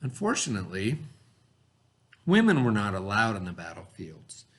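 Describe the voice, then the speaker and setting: Speaking at a normal pace with a fairly low voice, a man reads aloud as a teacher. He's expressive and instructive, explaining simply and asking pupils questions.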